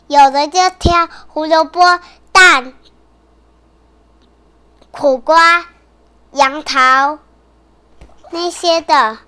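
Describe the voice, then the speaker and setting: A young girl telling a picture-book story in a halting, repetitive way, like a small child, drawing out her words. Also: sits high, bright, forceful tone. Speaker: guest storyteller standing in for the regular host.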